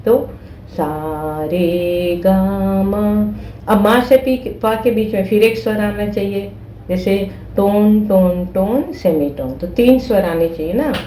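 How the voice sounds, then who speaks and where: A woman's voice: medium pitch, unhurried, dark tone, reverberant, a little hiss or hum, low-quality recording. A woman teaching flute who explains patiently, repeating steps and checking that listeners follow. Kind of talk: explaining a music lesson.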